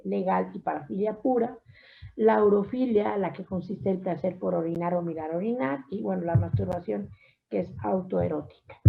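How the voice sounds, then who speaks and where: A woman teaching a psychology class, with a gravelly, creaky edge to her voice. She lectures at an even, middling pitch, asks the class questions and drops short affirming "ujú" sounds. The recording is dull and lo-fi.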